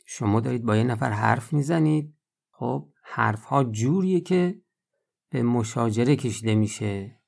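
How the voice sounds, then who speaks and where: A man's voice: mid-range voice, vocal fry, a little mellow. A man with an Iranian Persian accent giving a conversational moral lesson on a religious podcast, asking the listener rhetorical questions as he teaches.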